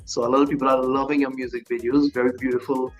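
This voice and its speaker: A man's voice: mid-range voice, little pitch movement, quick pace, soft background music. Upbeat male TV host. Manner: upbeat, chatty, laughing between questions. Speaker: TV show host. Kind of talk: interview hosting.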